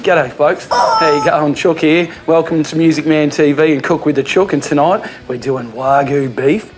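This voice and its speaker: A man's voice: on the high side, moderate pace. Australian man, cooking show host, laid-back slangy chat, plenty of ums, faint music and clattering pans behind.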